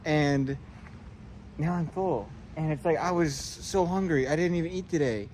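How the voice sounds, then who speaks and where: A man's voice: a little high, moderate pace, a little mellow, a little hiss or hum. A man vlogging on his phone outdoors in a city square, talking in an upset, rambling, repetitive way. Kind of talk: casual selfie vlog.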